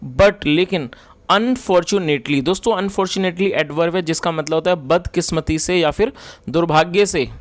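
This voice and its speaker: Smooth-voiced man teaching English grammar. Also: fairly high pitch, dry recording. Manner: reads English lines slowly, explains fast. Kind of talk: explaining a story line by line.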